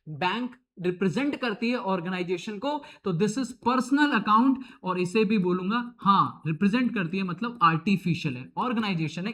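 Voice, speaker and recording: Male Indian tutor, high-pitched, playful and chatty, online lecture. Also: a bit bright. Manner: chatty, teasing, calls students beta and babu. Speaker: accounting teacher.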